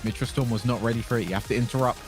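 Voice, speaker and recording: Quick-talking male esports caster. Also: medium pitch, steady tone. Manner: esports caster, reactive and analytical. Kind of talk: live fighting game tournament commentary. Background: music.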